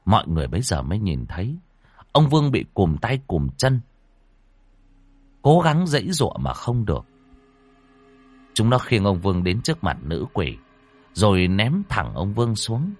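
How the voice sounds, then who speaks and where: A man narrating a ghost story in an expressive, dramatic storytelling manner. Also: on the low side, moderate pace, long pauses, husky, no room sound. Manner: expressive, rising and falling storytelling. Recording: dry close mic with faint music.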